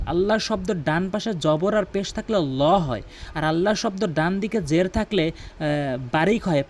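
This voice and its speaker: A man with a Bangladeshi Bengali accent teaching correct Quran pronunciation, alternating quick explanations with slow chanted recitation. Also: a little high, slight background noise. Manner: explains pronunciation, then recites verses slowly in chanted style.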